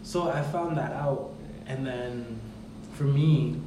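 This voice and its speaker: A man's voice: medium pitch, slow pace. A man hosting a casual podcast, talking informally in rambling, filler-filled explanations, with big reverberant echo around his voice. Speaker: podcast host. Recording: echoey reverberant room, clear background noise.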